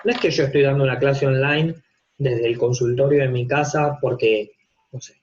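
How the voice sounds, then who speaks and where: Speaking with an Argentine Spanish accent, this male psychopathology lecturer has a medium pitch and a somewhat dark tone. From a home office, he teaches an informal online university class, building explanations step by step with rhetorical questions and examples from daily life. Captured over a video call, the sound is dull and low-fidelity.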